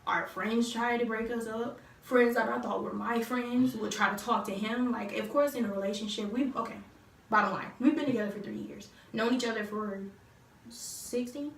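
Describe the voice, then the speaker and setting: A woman's voice: fairly high pitch, fairly even intonation, moderate pace, vocal fry. Chatty teen girl, distant roomy mic. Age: teens. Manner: chatty, lots of fillers, acts out quotes. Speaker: vlogger telling a couple's story. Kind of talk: casual storytelling to viewers. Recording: roomy echo, distant mic, faint noise.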